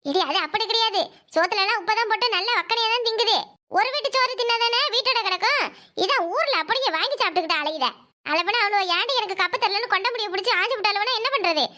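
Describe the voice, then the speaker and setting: A woman voicing a scheming, sharp-tongued young sister-in-law in a Tamil cartoon, speaking with a Kanyakumari Tamil accent. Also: fast talker. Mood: quarrelsome. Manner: shrill, quarrelsome, fake-tearful.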